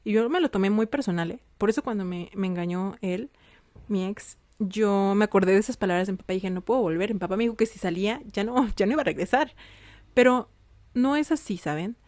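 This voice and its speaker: A woman's voice: mid-range voice, quick pace, a little mellow, no echo. A young adult woman, telling her own story to viewers in a casual, confiding way and often checking in with them. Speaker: vlogger.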